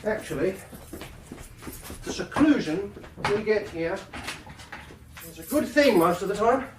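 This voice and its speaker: In a British radio horror drama, a male actor plays a fussy, awkward, quietly intense music lover, speaking with a British accent in a high voice that is animated yet a little slow. His prim, hesitant stammering comes across as reassuring, with background noise present.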